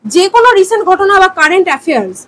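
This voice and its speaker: A woman's voice: very high voice, very animated, racing, a little hiss or hum, poor audio. A young woman in her twenties giving an exam-prep lecture, explaining with everyday examples and rhetorical questions and mixing in English terms. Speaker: teacher.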